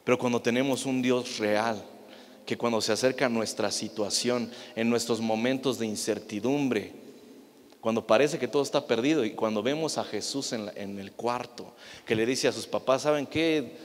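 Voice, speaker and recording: Pastor preaching in a reverberant hall. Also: male voice, mid-range voice, moderate pace. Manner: animated storyteller, asks the congregation rhetorical questions. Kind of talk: preaching a sermon. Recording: long reverb of a church hall.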